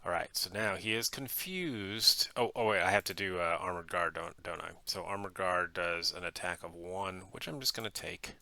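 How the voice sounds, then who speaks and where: Low gravelly man thinking aloud. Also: moderate pace, hardly any pauses. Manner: thinks aloud with frequent ums, quiet at times. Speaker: host playing a card game. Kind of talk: casual play-by-play narration. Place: home basement.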